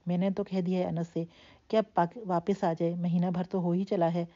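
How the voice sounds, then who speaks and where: A woman's voice: lowish voice, level tone, dark tone, highs cut off, lightly acted. A woman reading the lines of a loving, worried older aunt who treats her nephew as a son, in an earnest, coaxing manner. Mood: fond.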